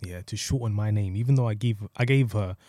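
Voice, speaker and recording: A man's voice: fairly low pitch, fairly quick, mellow, no room sound. A man co-hosting a casual podcast, repeating phrases for emphasis. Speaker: podcast co-host. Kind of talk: casual group podcast chat.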